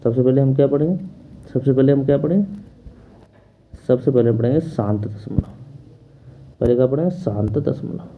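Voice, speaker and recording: A man's voice: medium pitch, moderate pace, pauses often, narrow, tinny audio, slight background noise. A man teaching a math class online, asking questions and answering them himself in a repetitive drilling manner.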